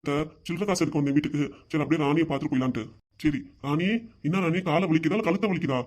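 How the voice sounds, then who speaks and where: Guy doing a patient husband, southern tamil nadu accent, talks fast. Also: on the high side, a little mellow, lightly acted. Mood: reassuring. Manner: coaxing, lecturing. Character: middle-aged husband, calm and reassuring. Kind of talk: cartoon comedy voice acting.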